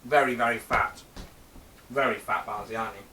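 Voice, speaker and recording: A man's voice: fairly low pitch, fairly even intonation, fairly quick, sharp tone, roomy sound, far from the mic, slight background noise. A man presenting a live cooking demonstration for children. He chats playfully, talks straight to the boys and girls watching, and teases a companion on stage. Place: theatre stage.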